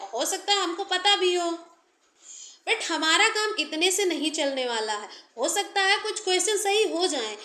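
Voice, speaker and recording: A woman's voice: sits high, pushed and bright, reverberant. A woman teaching an English grammar lesson in Hindi and English, explaining step by step while she writes.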